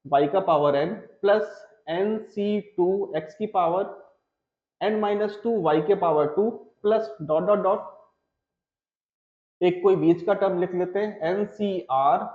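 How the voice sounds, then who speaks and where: A male math teacher from India giving a classroom lecture, working through each step as he writes and checking in with his students. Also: high voice. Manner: talks through steps while writing, pauses on each term; reassuring, checks in with "theek hai". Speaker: mathematics teacher. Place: coaching classroom. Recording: echoey room, slightly dull sound.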